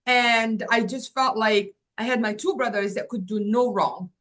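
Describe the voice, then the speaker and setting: Her voice is on the high side, steady and a bit bright, moving a little slowly. As an interview guest, the fifty-something Moroccan agency founder reflects earnestly on her life, often saying "um" and "like."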